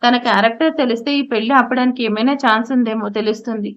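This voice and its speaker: A woman's voice: on the high side, fairly even intonation, fast talker, natural voice. A woman voicing an irritated, bossy young man in an audio story, speaking sharply and impatiently. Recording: slightly muffled audio.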